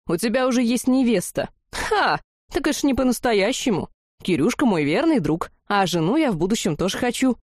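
A woman's voice: a little high, very animated, brisk, no echo, studio quality, voice pushed up. A woman playing a cocky big-eared joker. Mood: teasing. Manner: brash and teasing.

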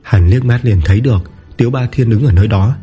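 A man narrating a martial-arts novel in a steady, even storytelling voice. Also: on the low side, fast, husky, highs cut off. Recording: soft background music.

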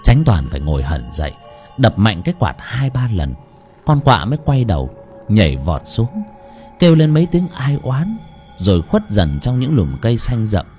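A man narrating a ghost story in an expressive, dramatic way. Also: normal speed, faint music behind. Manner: expressive, swooping between high and low.

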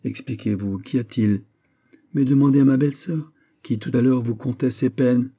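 Brief: man reading as a sulky jealous young prince, whiny and shrill when pushed, storybook, dark husky voice. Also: fairly even intonation, moderate pace, close to an everyday voice. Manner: whining, sulky, rising to shrill outbursts.

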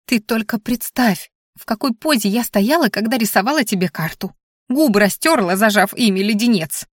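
A woman's voice: fairly high pitch, expressive, normal speed, no room sound, studio quality. A woman voicing a fussy furry creature governess. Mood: scolding, doting. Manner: theatrical, coddling pet names, prone to hysterics. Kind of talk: audiobook character voice.

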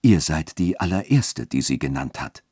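A man reading a story aloud and voicing a scheming, smooth-talking church dean who shifts between insistence and soft coaxing. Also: very deep voice, big pitch swings, moderate pace, dry recording, clean studio sound, full character voice. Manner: insistent, then softly coaxing. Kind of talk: literary reading.

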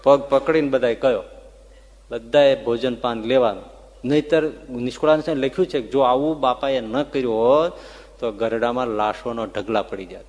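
A man retelling a devotional story as a sermon, his voice rising with feeling and dropping soft for the tender parts. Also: mid-range voice, moderate pace. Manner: tells the story with emotional rises and soft dips. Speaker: religious storyteller. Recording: long reverb of a large hall.

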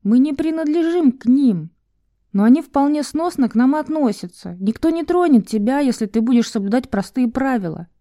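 A woman voicing a calm, cautious young woman who is patient and persuasive, talking earnestly and insistently. Her voice sits well above her narrating pitch. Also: normal speed, no room sound, studio quality.

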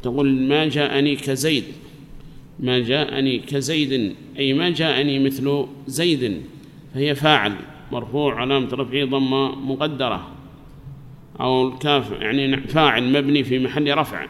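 A man's voice: mid-range voice, steady tone, a bit bright. Man teaching grammar in a reverberant hall. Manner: explains slowly, asks the class questions and answers them himself. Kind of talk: classroom lesson. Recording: long hall reverb, faint background noise.

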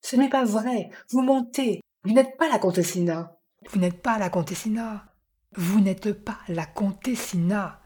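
A woman's voice: medium pitch, a little slow, dark tone, lightly acted. A woman reading the part of an agitated man, a crime writer who pleads and presses hard. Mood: insistent. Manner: urgent, pleading. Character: agitated male crime writer, young adult.

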